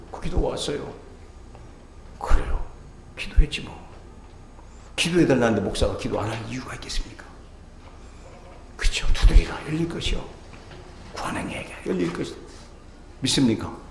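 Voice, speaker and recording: A male pastor delivers a sermon with a gravelly voice, leaping from soaring cries to soft, near-whispered asides and peppering the congregation with questions. His pitch rises and falls over a wide range. The sound carries through a reverberant church hall with faint background noise. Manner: preaching with sudden swings from loud exclamations to soft, hushed asides. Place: church sanctuary.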